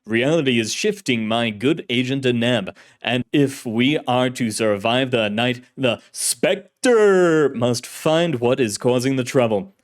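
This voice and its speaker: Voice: takes it slowly, few pauses, close to an everyday voice. A narrator performing the Spectre, a bombastic pulp vigilante. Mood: bombastic, righteous. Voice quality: deep, booming. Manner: pompous, grandiose declamation. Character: shadowy masked male vigilante, bombastic, theatrical, righteous. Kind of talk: 1930s radio serial acting.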